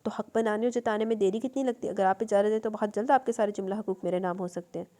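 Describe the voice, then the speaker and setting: A woman's voice: medium pitch, steady tone, quick pace, dark tone, natural voice. A woman reading as a smug teasing young man.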